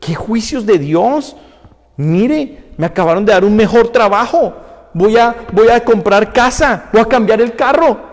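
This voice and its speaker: A scornful, dismissive churchgoer brags and waves away talk of divine judgment, his voice pitched up high as a male preacher puts him on. The voice rings with a long church reverb. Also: expressive, unhurried. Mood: scoffing. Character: scoffing male churchgoer mocking his pastor.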